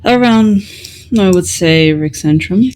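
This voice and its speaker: A woman's voice: fairly low pitch, animated, slow pace, darkish tone. A woman playing a tabletop role-playing game, asking curious questions in character. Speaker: player.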